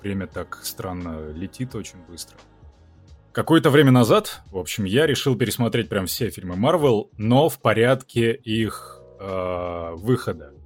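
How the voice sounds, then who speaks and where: Man, dubbing actor, podcast guest, fairly low voice, halting and reflective, faint music behind. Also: expressive, slightly rough. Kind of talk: casual podcast chat.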